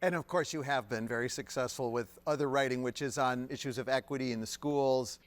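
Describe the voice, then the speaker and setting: A man's voice: medium pitch, brisk. A man hosting a quiz show, reading questions and narrating in a jokey, playful way with frequent laughs. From Evanston, Illinois.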